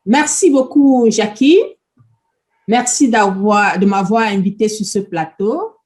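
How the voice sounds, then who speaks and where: A woman's voice: medium pitch, takes it slowly, a little mellow. Middle-aged woman guest from Cameroon, polite, hesitant, lots of fillers. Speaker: interview guest. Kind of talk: interview answers.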